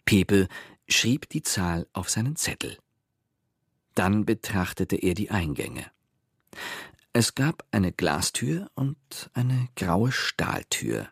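A man with a deep, husky voice narrates a children's story. His pitch swings widely as he tells it. The recording is close and dry. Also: takes it slowly, no echo. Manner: lively, expressive storytelling.

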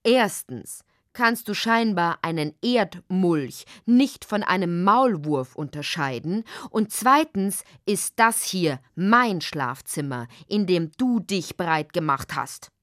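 A woman's voice: lowish voice, lively intonation, slow, a bit bright, no room sound, clean studio sound. Woman doing Grunzkopf, huffy little creature. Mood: indignant. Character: grumpy indignant male mole-like creature.

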